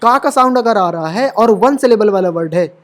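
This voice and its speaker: A man's voice: sits high, lively intonation, normal speed. A man from India teaching English spelling in an online lesson. He explains step by step, repeats each rule and example, and keeps asking whether the students follow. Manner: explains step by step with many rhetorical questions and constant "okay?" check-ins; repeats words and examples over and over.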